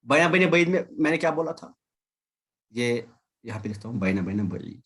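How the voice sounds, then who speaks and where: Husky guy teaching over a video call, patient, goes over examples again and again. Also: medium pitch, expressive, fairly bright tone. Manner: patient, repeats and drills examples. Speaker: Arabic teacher. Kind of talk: online class lecture.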